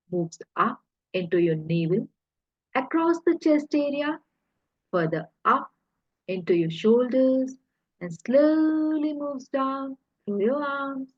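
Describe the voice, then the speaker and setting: Guiding a hypnosis relaxation, a woman speaks very slowly in a husky, breathy voice that sits high. Her soothing, deliberate narration comes in short, paused phrases, with echoey, somewhat muffled sound.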